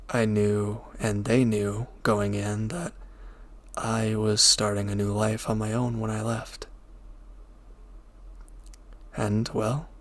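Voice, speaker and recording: A man playing a reformed villain turned devoted lover in an intimate audio drama speaks gently, softly and hesitantly, with breathiness. His voice sits on the low side, and he sounds reflective and wistful.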